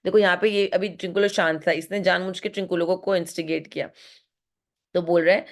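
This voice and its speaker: An Indian woman teaching literature, mixing Hindi and English as she goes through a play line by line and slowing to read the quoted lines aloud. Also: fairly low pitch, fairly even intonation. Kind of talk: line-by-line text explanation.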